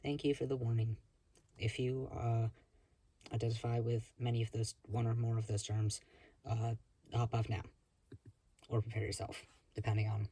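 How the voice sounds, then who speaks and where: A man streaming gameplay, chatting casually and reading the on-screen game text aloud with quick asides. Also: mid-range voice, little pitch movement, mellow, slightly rough, no echo, recorded from a distance, rough recording.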